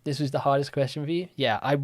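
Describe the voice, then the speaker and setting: A young man hosts a live-streamed quiz in a relaxed, chatty way. He drifts between reading questions and answering viewers with easygoing fillers. His pitch sits right in the middle for a man. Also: quick pace. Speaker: livestream quiz host.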